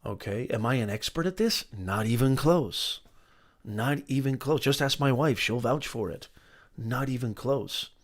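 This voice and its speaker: A man's voice: medium pitch, unhurried. A middle-aged man hosting a motivational live stream, talking emphatically, repeating his points and greeting viewers by name.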